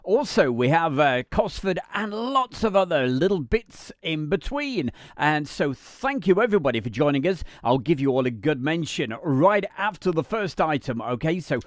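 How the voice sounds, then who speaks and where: Male live show host, chatty, lively swooping delivery, fairly high voice, dry sound. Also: normal speed, few pauses, no echo.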